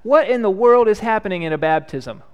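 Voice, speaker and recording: A man in his thirties, a pastor leading prayer and a children's message, speaking gently and asking the children simple questions. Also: high voice, lively intonation, brisk, clear, resonant tone, dull audio. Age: 30s. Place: church.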